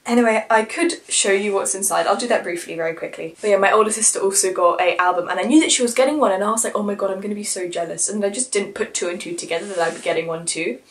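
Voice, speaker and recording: An excitable teenage girl talks through her haul in a loose, chatty way. She gushes and rambles at a middling pitch, like a casual vlogger talking to her viewers.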